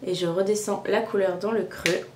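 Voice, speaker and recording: A woman's voice: mid-range voice, steady tone, normal speed, echoey room, noisy background. A young woman casually narrating a makeup tutorial step by step at home, chatty, with frequent fillers. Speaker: beauty vlogger. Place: room at home.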